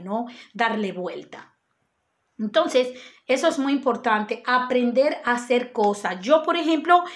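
A woman gives a spiritual self-help talk. She speaks earnestly and straight to her viewers, and she circles back to the same points again and again. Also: high voice. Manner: earnest, repetitive, addresses viewers directly. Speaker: spiritual guide.

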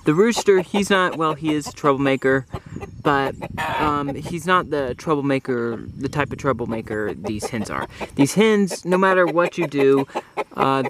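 A young man vlogging outdoors on his homestead, explaining his beehives in a rambling way that keeps correcting itself. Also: fairly high pitch. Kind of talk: casual vlog narration. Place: outdoors in a garden among bushes and beehives. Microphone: camera mic, handheld or close framing. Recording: outdoor camera audio with insect noise. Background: buzzing bees and insects.

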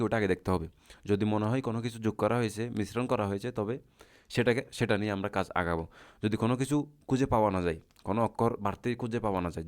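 A man's voice: fairly low pitch, a little mellow. A man teaching Arabic grammar in a lecture, asking the class questions and answering them himself in a patient, repetitive way.

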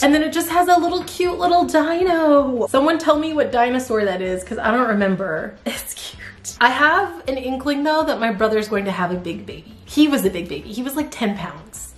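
A young woman vlogger chatting casually about a haul, bubbly and gushing, often slipping into a cutesy baby voice. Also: on the high side. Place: outdoors in bright sun. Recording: roomy echo.

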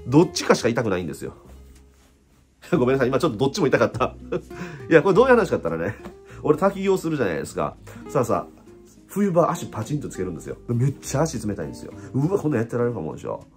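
A man with an Osaka accent, hosting a casual spiritual talk in an animated, joking way, laughing often. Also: mid-range voice, quick pace, pauses often, soft background music. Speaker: host.

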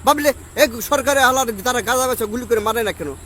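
A man's voice: extremely high pitch, brisk, pushed and bright. A man with a Bangladeshi Bengali accent in a street interview, giving a rambling, belligerent drunk-sounding rant and insistently repeating himself. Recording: street noise behind the voice. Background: outdoor traffic and street ambience.

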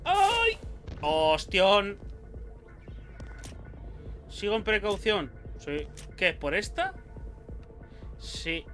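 A man's voice: sits high, takes it slowly, long pauses, bright, forceful tone, soft background music. A young man with a Spain Spanish accent, commenting on a horror game he plays, swearing and yelping whenever something startles him. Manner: jumpy, swears and yelps at scares. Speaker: gaming YouTuber. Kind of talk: let's play commentary.

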